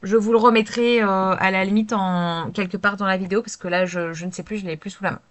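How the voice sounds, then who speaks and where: A woman talks through a crafting project in a relaxed, chatty voice-over. She often pauses on hesitant fillers as she explains each step. The sound is dry and close, with no room around it. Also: medium pitch, dry recording. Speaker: craft video creator. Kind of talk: casual crafting tutorial voice-over.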